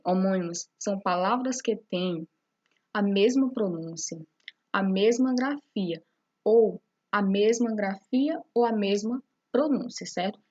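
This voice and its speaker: A woman's voice: medium pitch, a little mellow, dull audio. A woman teacher explaining a lesson step by step, often checking in with her students. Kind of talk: recorded classroom lesson.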